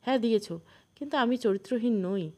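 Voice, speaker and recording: A woman's voice: on the high side, a little fast, a little mellow, close to an everyday voice. A woman voicing a stern young husband in a storybook who coldly threatens his mother. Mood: threatening. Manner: cold, threatening.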